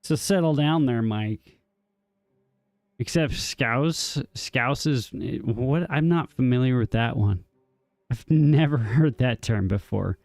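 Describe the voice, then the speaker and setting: Casually chatting with viewers as he plays on a live stream, this man responds to chat in a rambling way, full of ums and restarts. His voice sits at medium pitch, creaky and a bit mellow, with no room sound.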